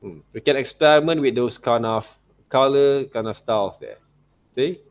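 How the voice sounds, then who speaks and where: The audio is dull as a man in a mid-range voice, talking at normal speed, teaches digital illustration in an informal software demonstration. He thinks aloud and checks in often with "okay" and "right."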